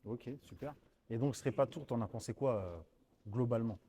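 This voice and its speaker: A man interviewing a guest casually, with brief acknowledgements and relaxed questions. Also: mid-range voice, brisk, breathy edge.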